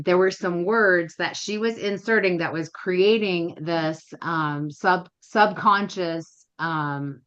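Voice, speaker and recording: A woman's voice: on the low side, fairly bright tone, dull audio. A woman hosting a casual podcast chat, rambling through stories with many restarts. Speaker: host.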